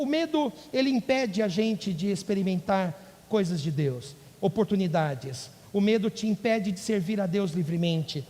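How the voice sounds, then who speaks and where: In a church, a male pastor preaches a sermon, rising into emphatic bursts and putting questions to the congregation. His voice is high-pitched yet dark in tone, and the church hall gives the recording a long reverb.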